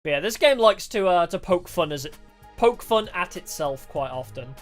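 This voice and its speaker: A woman livestreamer giving casual game commentary, with animated reactions and chatty asides. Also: lowish voice, moderate pace. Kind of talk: casual game commentary, reading dialogue aloud. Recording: music playing behind the voice.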